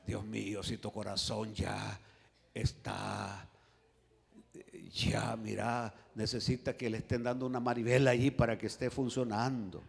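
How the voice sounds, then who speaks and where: A man voicing a condescending male doctor who lists a patient's ailments in a lowered, patronizing tone. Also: little pitch movement, a little slow, creaky. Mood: grave patronizing. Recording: reverberant church hall.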